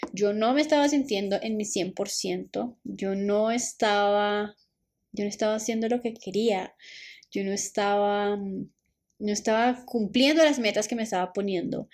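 A woman's voice: fairly high pitch, a little mellow. A young woman talking casually and emotionally to the camera in a personal vlog, often repeating herself and quoting her own past thoughts. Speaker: vlogger.

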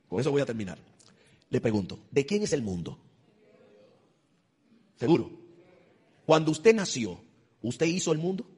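A male pastor preaching an animated sermon, acting out voices and rising to loud, high exclamations. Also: slightly rough. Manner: acts out voices of God and churchgoers. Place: church. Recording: long hall reverb.

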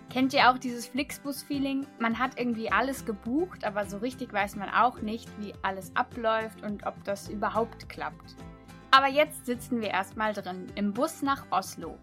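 Young female student reporter, higher voice, chatty travel diary, faint music behind. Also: normal speed, fairly bright tone. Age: young adult. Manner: chatty, upbeat, personal.

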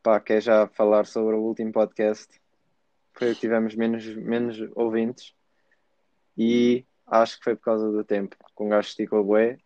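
A young man with a European Portuguese accent bantering casually as a podcast co-host, in slangy, animated storytelling. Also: on the low side, moderate pace, no room sound. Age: young adult. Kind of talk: casual banter between friends. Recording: slightly dull, dry close sound.

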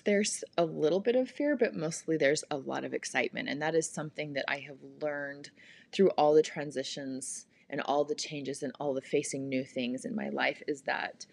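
A woman in her forties hosting a podcast, talking through personal changes in a gentle, thoughtful way with many pauses and fillers. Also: low voice, no echo. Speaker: podcast host. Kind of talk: reflective personal monologue.

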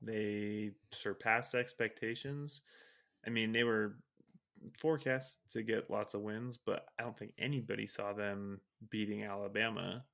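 A man with a fairly low voice co-hosts a laid-back sports talk show. He rambles easily, leans on "like", and often trails off and restarts mid-thought. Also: steady tone, a little slow, gravelly, fairly bright tone. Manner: loose and chatty, frequent "like" and trailing restarts. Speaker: co-host. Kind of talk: casual sports chat.

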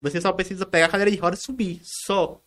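A man chatting casually as an interview guest, halting and repeating words and phrases as he goes. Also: sits high, fairly even intonation, a bit bright. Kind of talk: casual chat.

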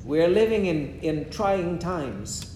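A man, preaching in short measured phrases and pausing after each one for an interpreter. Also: sing-song, crowd noise. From Guyana. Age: 70s. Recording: echoey room with a faint rumble.

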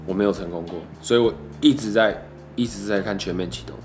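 A man's voice: fairly low pitch, quick pace, darkish tone, soft background music. A young man with a Taiwanese Mandarin accent chatting casually as a podcast guest, playful and talkative, often repeating himself. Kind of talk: casual chat.

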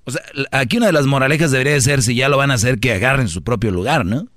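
A man's voice: mid-range voice, racing, fairly bright tone, no echo, clean studio sound. A man co-hosting a radio show with casual, teasing banter.

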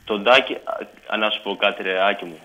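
A man's voice: fairly low pitch, muffled recording. A man phoning in to a sports show, friendly and patient with the hosts. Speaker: caller. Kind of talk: casual phone-in chat.

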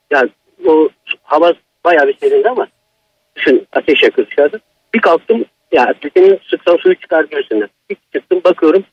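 A man phones in with his own horror story. His voice sits high and swings widely as he presses each point, with a husky edge. The phone line sounds dull and dry. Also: dry recording. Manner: agitated, emphatic retelling. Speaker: caller. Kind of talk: telling a personal horror story.

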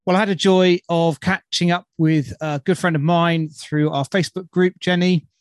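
British bloke hosting a podcast, slightly high voice, chatty and keen, really dry recording. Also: male voice, fairly even intonation, normal speed, clear, resonant tone, no echo. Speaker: podcast host. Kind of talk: casual chat.

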